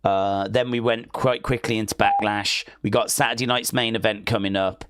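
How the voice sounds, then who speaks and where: A man's voice: fairly low pitch, steady tone, normal speed, a bit bright, clear, resonant tone, no echo, clean studio sound. A man co-hosting a wrestling podcast, chatting casually and hesitantly, often trailing off with "I don't know.". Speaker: podcast co-host. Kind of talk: casual chat.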